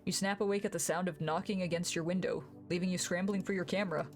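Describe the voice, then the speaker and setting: A woman's voice: lowish voice, fairly even intonation, fast talker, soft background music. A woman streamer reading a visual novel game aloud live, playfully, with casual asides. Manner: playful, acts out dialogue.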